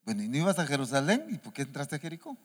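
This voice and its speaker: Male apostle-preacher, high-ish and very animated, questioning his flock; reverberant church hall. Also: rapid-fire. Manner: animated, asks the congregation many questions. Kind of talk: sermon.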